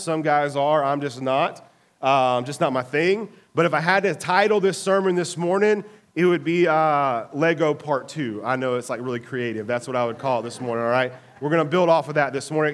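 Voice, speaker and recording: A man, a pastor giving announcements and a casual sermon in a church, sounding nasal from a cold and talking in a chatty, folksy way. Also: a little high. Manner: folksy, chatty, frequent "all right?". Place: church sanctuary.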